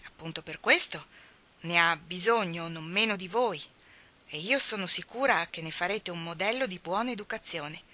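A motherly headmistress from a storybook, calm and measured, as a woman reader voices her. The voice is her own, bright and a little low. It stays even and steady.

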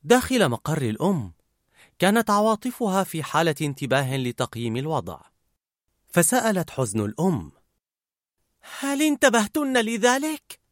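A man narrating a story in an expressive, animated way. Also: fairly high pitch, a little fast, no room sound, studio quality.

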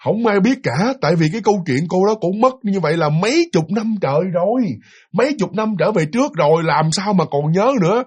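A man telling a ghost story in a lively, chatty way, talking straight to his listeners. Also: high-pitched, a little fast, breathy edge. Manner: animated, addresses listeners directly, acts out quotes.

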